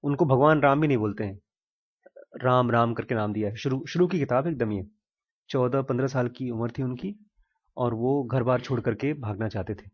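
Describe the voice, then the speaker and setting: A man speaking to a small group in an easy, unhurried teaching manner, stopping to clear his throat and to put questions to his listeners. His voice sits at an ordinary middle pitch. The recording is muffled and lo-fi. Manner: storytelling with pauses and questions to listeners. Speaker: teacher giving a talk. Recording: dull lo-fi recording.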